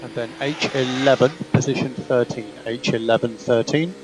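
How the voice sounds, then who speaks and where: This F1 race engineer talks at a moderate pace in a steady, mid-range voice, giving clipped procedural instructions over team radio and repeating them often. Crowd noise and loud vehicle noise come through, and the audio is poor.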